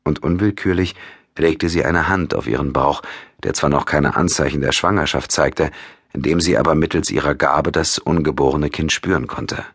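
A man reading a science-fiction audiobook in measured, dramatic scripted narration. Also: rumbling low, fairly bright tone, husky, no echo, studio quality.

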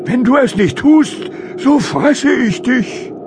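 A man's voice: extremely high pitch, animated, slow, music in the background, pitched above the performer's own voice, exaggerated voice. A man voicing a cunning wolf in a fairy-tale audiobook, coaxing in a falsely sweet voice and turning menacing. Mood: demanding. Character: cunning big bad wolf faking a sweet mother's voice.

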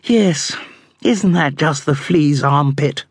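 A raised, crisp voice of a sharp young society lady, as a man puts her on, quick and dry-witted. This storybook sister speaks in brisk slang, with a lively lilt and a husky grain. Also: on the high side, dry recording, voice pushed up. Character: clever brisk young aristocratic woman.

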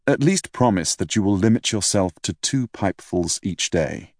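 A man's voice: lowish voice, expressive, moderate pace, no echo, clean studio sound. A man doing an earnest young physician. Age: 30s. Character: young male physician, earnest, caring son.

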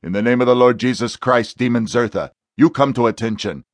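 A man voicing a stern, confident male exorcist in an audiobook, delivering forceful, insistent commands. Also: medium pitch, fairly quick, no echo, studio quality, natural voice. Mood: commanding. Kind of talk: audiobook character voice.

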